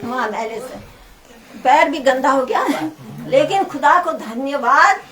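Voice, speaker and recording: A middle-aged woman telling her testimony to a congregation in an animated storytelling way. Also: sits high, takes it slowly. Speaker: church member giving testimony. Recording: distant, congregation audible.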